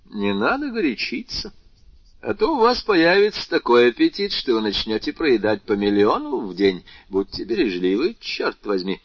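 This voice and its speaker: A man reading as a cool deadpan bandit chief. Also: mid-range voice, no echo. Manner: unhurried, deadpan. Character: calm, phlegmatic male bandit chief, coldly ironic. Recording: slightly muffled dry recording.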